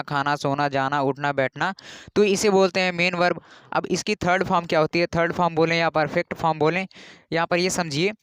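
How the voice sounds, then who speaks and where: A man from India gives an English grammar lesson in a high, clear, smooth voice. He is patient and repeats each rule, spelling words letter by letter. The sound is dry and close, with no room echo. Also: a bit bright.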